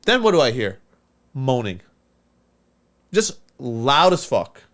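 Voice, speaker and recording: A man telling a story in casual podcast chat, animated and profane, acting out the voices of the people in it. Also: mid-range voice, slow. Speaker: podcast co-host.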